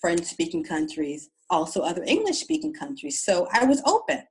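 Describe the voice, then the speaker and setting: A woman's voice: fairly low pitch, very animated, normal speed, vocal fry, poor audio. Reflective woman, interview guest. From US East Coast. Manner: reflective, repeats words while searching. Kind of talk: conversational interview storytelling.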